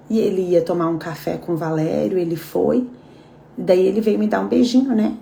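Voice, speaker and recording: Brazilian woman, devotional leader, warm dark tone with gravelly fry, echoey room. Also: mid-range voice, slight background noise. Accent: Brazilian Portuguese. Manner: heartfelt, chatty, addresses listeners directly. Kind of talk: live devotional talk.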